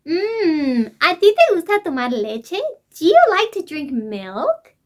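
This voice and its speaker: A woman teaching young children in an animated lesson, talking in an exaggerated sing-song way and gasping with wonder. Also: high voice, slow pace, heavy background noise.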